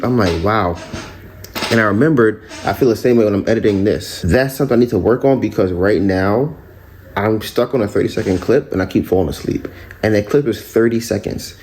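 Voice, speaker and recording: A man's voice: lowish voice, a little mellow. A man running a small candle business, chatting casually to viewers in a vlog and talking to them directly. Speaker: candle business owner vlogger. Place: car and storage unit.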